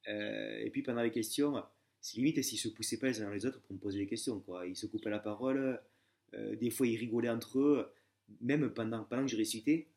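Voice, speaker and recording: A man's voice: on the low side, brisk, creaky, darkish tone. A young man talking casually in a vlog, telling stories full of fillers and restarts. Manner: hesitant, many fillers and restarts; chatty, familiar storytelling. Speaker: exam candidate sharing his method.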